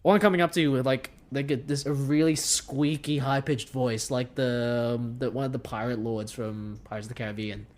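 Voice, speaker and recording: A man co-hosting a casual book podcast, jokey and halting, with many restarts. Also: medium pitch, fairly even intonation, a little mellow. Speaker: podcast co-host. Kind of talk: casual book-club chat.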